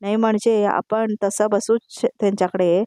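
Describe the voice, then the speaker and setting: Calm teasing housekeeper woman, easygoing, soothing, mellow, read by a woman. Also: medium pitch, normal speed, no echo, clean studio sound, close to an everyday voice.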